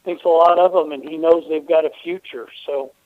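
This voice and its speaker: High-voiced man on a tinny phone line. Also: fairly quick, no room sound. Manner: steady explaining with many fillers. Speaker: race team owner guest. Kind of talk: radio interview over the phone.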